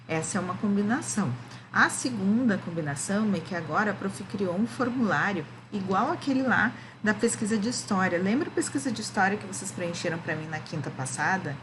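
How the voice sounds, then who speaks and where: A woman's voice: mid-range voice, animated, fairly quick, noisy background. A woman, a primary school teacher, gives a remote lesson to children, explaining patiently and often checking that they follow.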